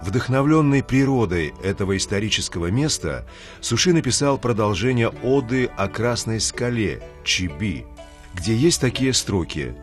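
Man, radio lesson host, measured reading, lowish voice, faint music. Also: expressive.

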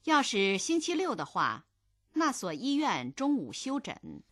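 A woman reading lesson phrases slowly and clearly for learners to repeat. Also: medium pitch, huge pitch swings, fairly bright tone, no room sound, clean studio sound. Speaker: model reader of phrases. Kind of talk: slow drill repetition.

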